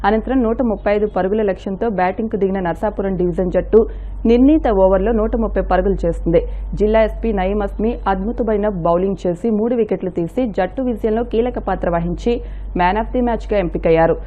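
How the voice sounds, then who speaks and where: A woman's voice: medium pitch, fast. A woman reading scripted news narration. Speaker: news reader. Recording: thin, phone-like narrow-band audio.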